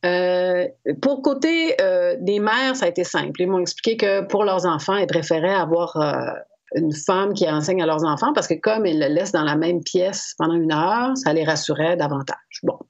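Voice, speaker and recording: Québécois woman explaining with many pauses. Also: lowish voice. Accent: Québécois French. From Quebec. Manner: thoughtful, hesitant with frequent fillers. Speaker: guest expert on Japan. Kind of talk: conversational explanation. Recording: slightly dull lo-fi audio.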